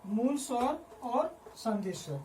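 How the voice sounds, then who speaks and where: High-pitched woman teacher, slow repetitive dictation to a class, mic set back from her. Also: big pitch swings, warm tone, a little hiss or hum. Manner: repeats phrases slowly for students to write down; asks the class questions and answers them herself. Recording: voice picked up from a distance.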